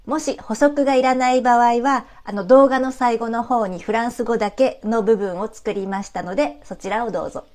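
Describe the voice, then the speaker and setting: A woman's voice: on the high side, steady tone, moderate pace, few pauses, a little mellow. A woman from Japan giving a casual, chatty lesson on travel phrases, explaining with everyday examples. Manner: chatty, many "ano" fillers, explains with examples. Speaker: French language teacher for travelers.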